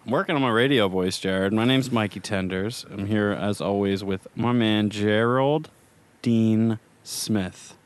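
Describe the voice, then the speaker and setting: Young male podcast host, lowish voice, playful banter. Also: measured pace. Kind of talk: casual chat.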